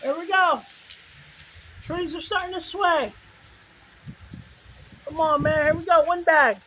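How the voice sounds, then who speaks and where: A woman giving excitable live storm-chasing commentary in short, repeated exclamations. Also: very high voice, takes it slowly. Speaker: storm chaser livestreaming. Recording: noisy outdoor recording with rain and wind.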